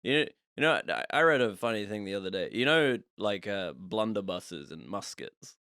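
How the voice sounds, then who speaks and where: A man's voice: on the low side, animated, moderate pace, pushed and bright, dry recording, studio quality. A man co-hosting a comedy podcast, chatting casually and laughing through his lines. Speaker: podcast co-host.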